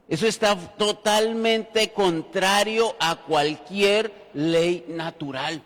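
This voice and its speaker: In a reverberant church hall, a man preaches a sermon, telling the story with humor and addressing the congregation directly. His voice sits high and has a fairly bright tone.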